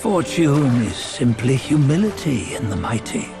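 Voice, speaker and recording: A haughty, moralizing heavenly judge from a fantasy game. He speaks very slowly at a middle pitch, with a gravelly creak in the voice. His phrasing is archaic and measured, weighted with disdain, and music plays behind him. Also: big pitch swings. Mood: solemn, admonishing. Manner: measured, archaic, sententious, scornful. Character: stern, disdainful celestial judge, mature man, mocking and moralizing. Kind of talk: theatrical fantasy game dialogue.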